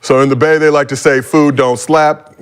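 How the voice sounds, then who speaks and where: A man's voice: fairly high pitch, fairly even intonation, moderate pace, clear, resonant tone. Man hosting a sports talk show. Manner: leads topics with jokey setups. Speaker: podcast host. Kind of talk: casual sports chat.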